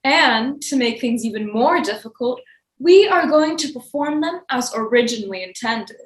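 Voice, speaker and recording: A woman's voice: on the high side, animated, normal speed, roomy sound, low-quality recording. A young woman narrating a school fairy-tale play over video call in a theatrical, announcing way.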